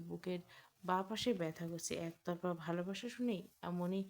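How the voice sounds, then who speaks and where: A woman's voice: medium pitch, gravelly, darkish tone. A woman narrating a romantic audio story, naming each speaker before their line.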